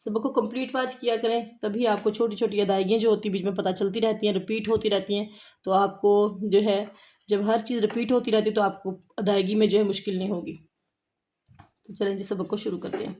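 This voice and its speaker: A woman with a Pakistani Urdu accent teaching a tajweed lesson, slowly reciting verses word by word and patiently explaining the pronunciation rules. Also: mid-range voice, fairly even intonation, mellow.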